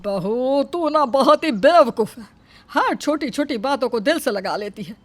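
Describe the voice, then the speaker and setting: A protective middle-aged mother-in-law in an animated story, comforting her daughter-in-law with gentle scolding. Her voice is fairly high and swings lively up and down, recorded dry and close. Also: measured pace, no room sound. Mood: consoling.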